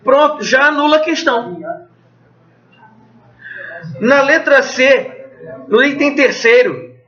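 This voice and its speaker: In a dull, lo-fi recording, a Brazilian Portuguese teacher with a very high, bright voice takes his class through exam review slowly and expressively. He tosses out questions, supplies the answers himself, and swears casually in a loose, chatty manner.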